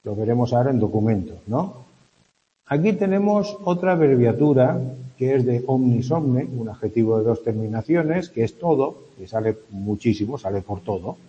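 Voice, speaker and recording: A man's voice: medium pitch, lively intonation, moderate pace, dark tone. A man from Spain lecturing a class as a teacher, explaining step by step and often checking in with a questioning hum. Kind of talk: classroom lecture on Latin abbreviations. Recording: dull lo-fi sound in a reverberant hall.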